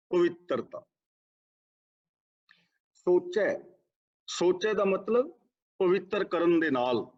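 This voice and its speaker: A man's voice: fairly high pitch, a little mellow. Man preaching, slightly muffled. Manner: slow, deliberate recitation of verses. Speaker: Sikh preacher. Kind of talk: sermon explaining scripture.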